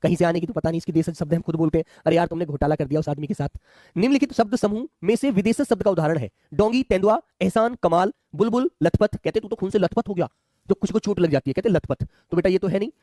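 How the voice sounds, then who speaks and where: A man's voice: high voice, fast, warm tone, no echo, studio quality. A man teaching a live online exam class, chatty, often calling students his children and asking them to answer.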